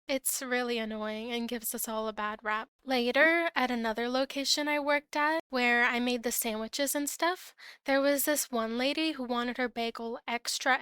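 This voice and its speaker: Canadian woman doing a chatty storytime, super clear smooth voice, kinda high, dry close recording. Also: pushed and bright, no room sound. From Ontario, Canada. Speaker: storyteller recounting past food service work. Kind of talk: casual storytime narration.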